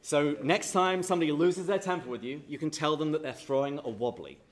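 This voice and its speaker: A joking English man with a fairly quick delivery and a voice on the high side quizzes a live crowd in a hall. His humorous church talk is chatty and light until he leads a prayer with solemnity.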